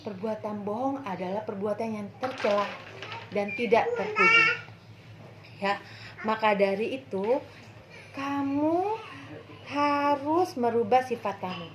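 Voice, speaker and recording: A woman's voice: fairly high pitch, animated, a little slow, long pauses, background noise. A woman doing exclaiming village farmers. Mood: annoyed. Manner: urgent, exclaiming questions. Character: worried, then annoyed village farmers.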